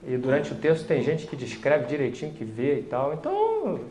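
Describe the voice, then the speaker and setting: Animated man telling a faith story. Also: moderate pace, slight background noise. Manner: animated, voice rising high when excited. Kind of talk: storytelling religious testimony. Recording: echoey room.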